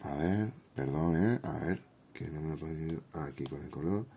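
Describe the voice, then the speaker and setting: A man with a bass voice speaks at a normal pace, sounding creaky, mellow and husky. He has a Castilian Spanish accent and a head cold that leaves him congested, and he hosts a casual YouTube tutorial and review of a drawing app, talking informally and straight to viewers.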